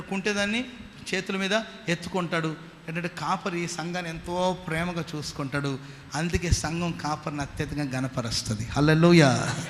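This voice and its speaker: A man's voice: high-pitched, fairly bright tone. A man with a Telugu accent preaching a sermon as pastor, firing rhetorical questions at the congregation and answering them himself. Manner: call-and-response preaching with rhetorical questions and repeated hallelujahs. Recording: long hall reverb with faint noise.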